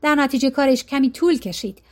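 High-voiced woman narrating a novel. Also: a little mellow. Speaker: audiobook narrator. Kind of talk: scripted narration.

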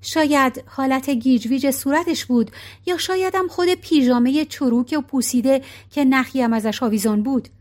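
A woman reading a novel aloud as audiobook narrator, in a calm, even storytelling manner. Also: high-pitched.

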